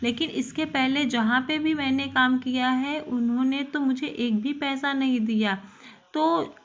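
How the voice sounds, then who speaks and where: A woman's voice: high-pitched, steady tone, unhurried. A woman voicing a timid, frightened young servant woman with a trembling voice, in a dull lo-fi recording.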